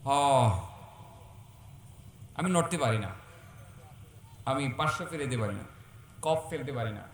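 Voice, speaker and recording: A man preaching a waz sermon, swinging between loud exhortation and soft storytelling. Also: medium pitch, lively intonation, a little slow. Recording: echoey and distant, faint hum.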